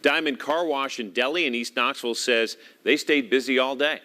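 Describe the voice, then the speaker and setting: A man reading scripted local news as an anchor, polished and clearly projected. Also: mid-range voice, normal speed, sharp tone.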